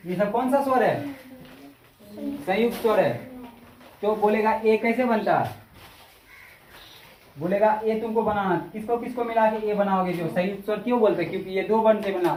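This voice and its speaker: A woman teacher drills her students with repeated questions and slowly drawn-out vowels. She is recorded from across an echoey classroom, with a faint hum of room ambience behind her. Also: medium pitch, mellow, distant mic. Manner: repetitive questioning, drawn-out vowel demonstrations, scolding. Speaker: Hindi grammar teacher. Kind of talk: classroom lesson with call-and-response drilling.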